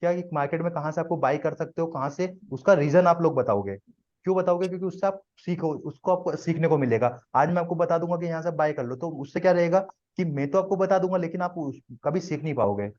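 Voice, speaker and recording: Man, trading teacher, live class, rapid, slightly high voice, dull lo-fi sound. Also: a little mellow. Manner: explains step by step, often asks "है ना?".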